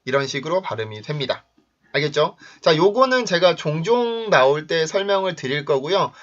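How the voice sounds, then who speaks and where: A man teaching English pronunciation in a video lesson, explaining sounds and drilling example words in a clear, punchy way. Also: a little high, big pitch swings, moderate pace, fairly bright tone. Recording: dull lo-fi recording.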